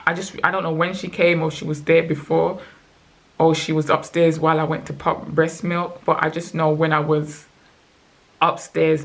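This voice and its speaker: A woman's voice: sits low, gravelly. A young woman, telling an emotional storytime vlog and acting out what was said. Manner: emotional, animated retelling with acted quotes. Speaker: vlogger.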